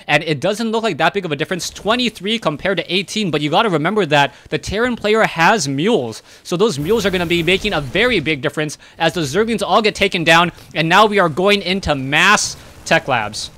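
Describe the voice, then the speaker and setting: A man with a high, bright, sharp voice calls play-by-play for a strategy game. He narrates every unit move briskly, and his voice lifts with excitement when the fighting starts. It is a crisp, fast-reacting caster delivery. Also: slight background noise. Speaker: esports caster. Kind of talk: play-by-play commentary.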